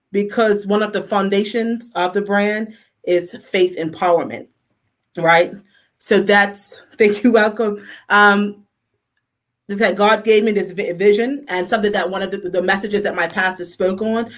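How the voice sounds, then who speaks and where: A woman from Bermuda with a Bermudian accent, a fashion designer chatting as a guest on a talk show in an upbeat, energetic way. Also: medium pitch. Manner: upbeat and energetic, enthusiastic shout-outs. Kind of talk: casual talk show chat.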